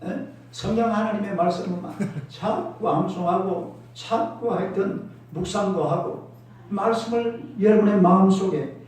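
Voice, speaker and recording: In a church sanctuary, a male pastor preaches an emphatic sermon, his voice sitting high with a darkish tone and an unhurried pace. He calls on the congregation to respond, and the recording comes from a distance with heavy hall echo.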